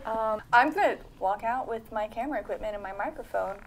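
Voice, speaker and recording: A woman's voice: fairly high pitch, brisk, a little hiss or hum, low-quality recording. A woman playing a tabletop game, upbeat, playing a reporter. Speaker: player. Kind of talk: casual tabletop game play.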